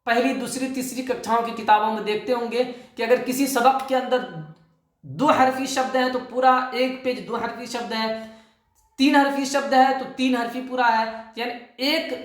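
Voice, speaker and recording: A woman's voice: fairly high pitch, steady tone. A woman teacher giving an exam-prep lesson, explaining terms one by one and checking in with rhetorical questions. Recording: echoey room.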